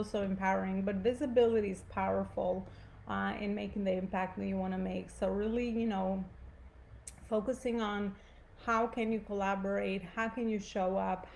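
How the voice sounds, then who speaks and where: Her voice is mid-range and slightly mellow, but the audio is poor, with a bit of hiss or hum. She's an Albanian woman with an Albanian accent, speaking earnestly and conversationally to live viewers in a motivational talk, often asking "right?" and saying "you know."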